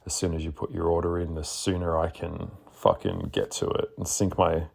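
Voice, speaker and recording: Very deep, gravelly, sassy man. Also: sing-song, normal speed, a little mellow. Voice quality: deep, husky morning voice. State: just woken up. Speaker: podcast host and astrologer. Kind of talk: casual spoken monologue.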